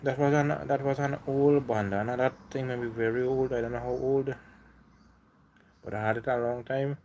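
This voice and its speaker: A relaxed Trinidadian man hosts a casual livestream, chatting easily and reading viewers' comments aloud. His voice sits at an ordinary middle pitch for a man. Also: normal speed, slight background noise. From Trinidad and Tobago. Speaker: livestream host.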